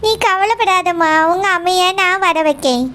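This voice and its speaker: Woman doing a gentle old cartoon grandmother. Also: extremely high pitch, pitched below the performer's own voice. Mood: soothing. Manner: slow, soft, consoling. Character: gentle elderly grandmother, soothing and patient. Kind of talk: cartoon voice acting.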